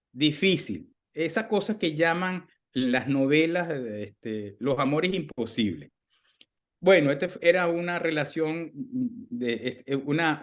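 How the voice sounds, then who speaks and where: A man in his fifties with a Venezuelan accent, a guest author talking casually in an interview from home over a video call, animated and acting out remembered dialogue. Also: on the high side.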